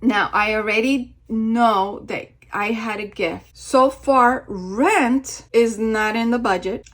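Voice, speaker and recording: Talky lady doing her budget on camera, kinda high voice, laughs at herself a lot. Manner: chatty, repeats phrases, laughs at herself. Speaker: budgeting vlogger. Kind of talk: casual talk while filling out budget sheets.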